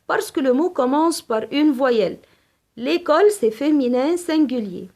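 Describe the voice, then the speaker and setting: A woman's voice: high-pitched, animated, unhurried, darkish tone. A woman teaching a French grammar lesson, spelling out letters and listing examples one by one. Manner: switches between French, Arabic and English to explain. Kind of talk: slow, deliberate classroom lesson.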